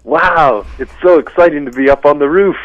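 Jokey man on a muffled speakerphone. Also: a little high. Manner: jokey, rambling, quick asides. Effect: heard through a phone on speakerphone. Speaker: radio co-host calling in. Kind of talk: casual on-air banter. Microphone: phone on speakerphone. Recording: muffled phone line.

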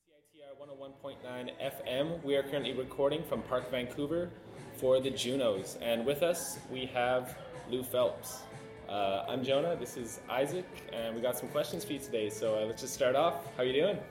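Guy interviewing in a loud room, low quality recording, roomy sound, lots of uhs. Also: moderate pace. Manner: relaxed, with frequent "uh" and "um" fillers. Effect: low-quality recording from a loud room with a poor mic setup. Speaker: radio host interviewer. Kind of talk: casual interview. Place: loud room at an event venue. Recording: echoey low-quality recording with music behind.

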